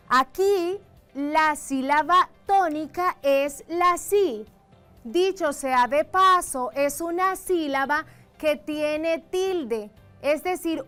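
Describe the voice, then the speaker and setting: High-voiced Dominican woman teaching slowly. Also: a bit bright. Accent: Dominican Spanish. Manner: careful, explanatory, stresses syllables for examples. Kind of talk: educational lesson.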